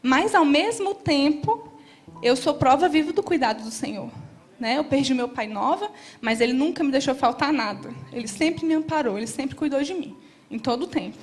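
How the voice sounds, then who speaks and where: A woman's voice: high-pitched, lively intonation, normal speed. A middle-aged woman with a Brazilian accent giving an earnest church testimony straight to the congregation. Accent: Brazilian Portuguese. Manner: earnest, addresses the congregation directly.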